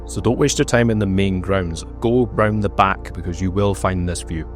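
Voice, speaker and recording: A man's voice: deep voice, normal speed, soft background music. A man in his thirties narrating a travel vlog, with wry, sarcastic asides and playful emphasis. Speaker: travel vlogger.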